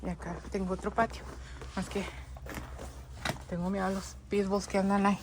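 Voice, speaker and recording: A woman vlogger films a snowy yard on her phone while standing outside in deep snow, casually walking her viewers through it and addressing them constantly. Her mid-range voice is flat and moderately paced, with heavy background noise.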